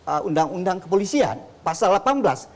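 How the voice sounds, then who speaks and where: Insistent high-voiced man arguing a case. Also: sing-song, quick pace. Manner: insistent, repeats himself, restarts often. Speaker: defense lawyer. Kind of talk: televised debate. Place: tv studio.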